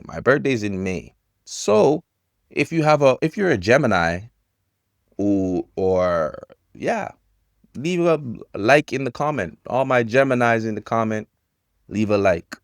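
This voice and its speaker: Man, thirties, English teacher, slow simple phrasing, dry close sound. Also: mid-range voice, animated, no room sound. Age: 30s. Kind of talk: slow English lesson for learners.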